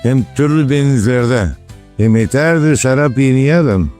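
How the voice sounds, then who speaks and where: In cartoon dialogue set over background music, a man plays a wise, folksy village grandfather who explains the old ways. His natural voice sits at medium pitch, a little mellow, with a measured pace.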